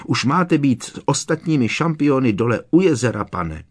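A man voicing an eager male house-elf servant who shrieks in a squeaky voice and talks about himself in the third person. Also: big pitch swings. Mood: pleading.

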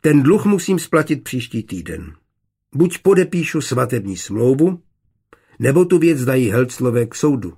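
A man voicing a bitter, proud middle-aged glassworks master deep in debt, in an audiobook. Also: very animated, a little mellow, breathy edge.

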